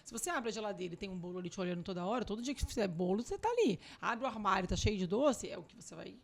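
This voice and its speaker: A woman cardiologist talking as a podcast guest, animated and emphatic, often acting out conversations with her children. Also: medium pitch, gravelly. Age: adult with young children. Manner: animated, acts out family dialogue; quick, emphatic explaining. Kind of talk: podcast interview talk.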